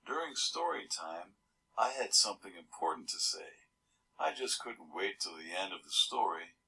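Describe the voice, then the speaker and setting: A man's voice: low voice, expressive, moderate pace, creaky, bright, forceful tone, rough recording. A man reading a children's storybook aloud, adding casual, chuckling comments between pages. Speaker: storybook reader.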